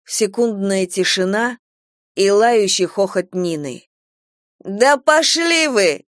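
Woman, first-person story narration, even delivery, middle pitch, dry close sound. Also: no echo. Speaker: audiobook reader.

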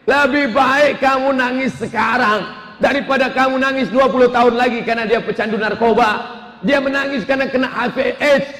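A man's voice: very high voice, fairly even intonation, a little fast, fairly bright tone, voice pushed up. A male preacher playing a stern middle-aged father who lectures his wife firmly and insistently. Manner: firm, insistent. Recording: echoey hall with long reverb.

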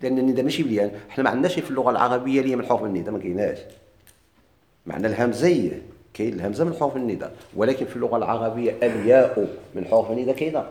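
A man with a Moroccan accent lectures quickly on grammar, answering his own questions and drawing out each example. His voice rings in an echoey room. He sits at a middling pitch. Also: darkish tone. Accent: Moroccan Arabic. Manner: asks questions and answers them himself. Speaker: teacher of Arabic grammar. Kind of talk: classroom lecture.

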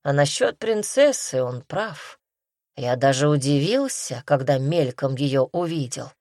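A woman's voice: very deep voice, animated, unhurried, a little mellow, no echo, studio quality. A woman voicing a talkative, lecturing male creature companion in an audiobook.

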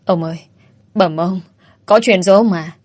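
A woman's voice: lowish voice, normal speed, darkish tone, no room sound, lightly acted. A woman voicing a timid, deferential male servant who stammers. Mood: flustered.

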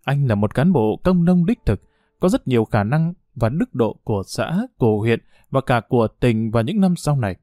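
A man narrates a story in a measured, expressive way, and his pitch rises and falls freely. His voice is warm and dark, recorded close and dry, with soft instrumental music behind it. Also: dry recording. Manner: measured, expressive reading that changes voice for quoted speech. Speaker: audiobook narrator.

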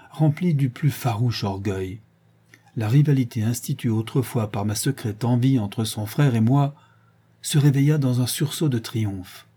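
A man narrating a classic novel as an audiobook in a measured, expressive reading. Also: medium pitch, slightly rough.

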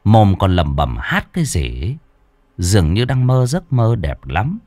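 A man narrating an audiobook in an expressive storytelling manner. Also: fairly low pitch, measured pace, no echo.

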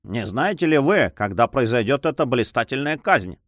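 A man voicing an ironic, quietly bitter young nobleman in an audiobook. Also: medium pitch, sing-song, normal speed, dry recording, clean studio sound.

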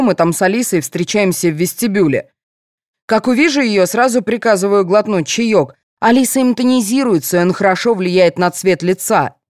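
A woman's voice: mid-range voice, darkish tone, dry recording, clean studio sound, pitched above the performer's own voice, lightly acted. A woman reading an audiobook, voicing an older grandmother who is fussy, quarrelsome and fiercely protective of her granddaughter. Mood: scolding. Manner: indignant, scolding.

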